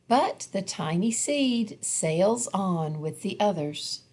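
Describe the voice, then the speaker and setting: This is a woman reading aloud from a kids' picture book; her pitch is medium and her storytelling is expressive and unhurried.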